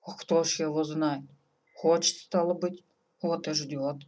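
Folksy male elk, slow drawl, lowish, voiced by a woman. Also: fairly even intonation, darkish tone.

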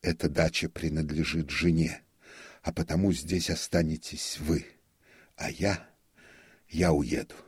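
A man voicing an aggrieved middle-aged notary who speaks in stiff, formal phrases and turns mocking and loud. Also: a bass voice, steady tone, a little slow, pauses often, slightly rough, no echo, clean studio sound, full character voice. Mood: stiffly formal. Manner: formal, pleading then sneering and shouting.

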